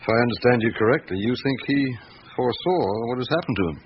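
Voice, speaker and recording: An actor playing a patient, middle-aged police chief inspector in a radio drama, speaking in a measured, terse, probing manner. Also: male voice, mid-range voice, expressive, lightly acted. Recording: muffled, noisy old radio recording.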